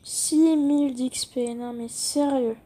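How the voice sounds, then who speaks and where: A woman giving casual, excitable gameplay commentary, chatting with her viewers and swearing casually. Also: high voice, slow pace. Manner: talks directly to viewers. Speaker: gaming video creator.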